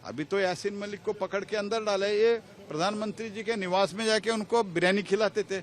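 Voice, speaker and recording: A man, a politician, giving halting but emphatic comments to reporters. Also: high-pitched, steady tone. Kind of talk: press comment.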